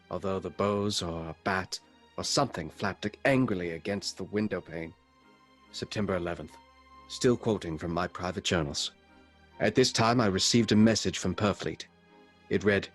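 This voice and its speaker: A solemn, earnest doctor, acted by a man narrating a journal for a radio play. The voice is on the low side and measured, with dramatic weight and faint music underneath. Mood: sober.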